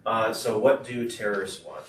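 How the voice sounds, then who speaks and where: A man interpreting a student's talk into English at a school board meeting, steady with frequent "uh". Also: lowish voice, unhurried. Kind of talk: consecutive interpreting. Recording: echoey room, far mic, noisy.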